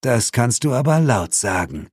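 A man's voice: medium pitch, sing-song, moderate pace, breathy edge, no echo, studio quality. A man voicing the hero's matter-of-fact male partner, who calls out plainly.

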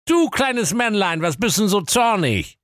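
Brief: boastful cheeky little hero, bright high voice, dry sound, put on by a man. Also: very animated, unhurried, no room sound, heavily acted. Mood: cocky. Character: cocky naive male web designer hero. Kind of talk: comic fairy-tale reading.

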